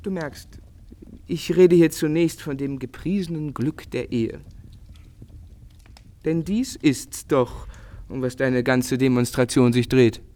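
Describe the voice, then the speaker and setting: Playing a world-weary, melancholy artist in a literary radio drama, this actor speaks eloquently and earnestly with theatrical phrasing. His medium-pitched male voice is slow, mellow and close to everyday speech, pausing often in a measured mood.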